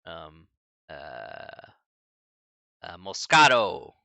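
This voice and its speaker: A man in his forties explains algebra in a live-streamed class, his voice swinging widely up and down as he talks. His tone is bright and crisp, close to a dry, dead mic. He breaks off to banter with the chat and laughs easily. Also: low-pitched, extremely slow, dry recording. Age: 40s. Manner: lively, chatty asides to chat, laughs often. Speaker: college math instructor. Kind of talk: live-streamed math lecture.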